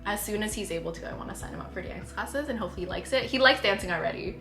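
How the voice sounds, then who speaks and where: Speaking very fast with lively intonation at a medium pitch, this young woman from North America is a parenting vlogger having an informal, chatty vlog conversation with her partner, full of "like". The room echoes and soft music plays behind her.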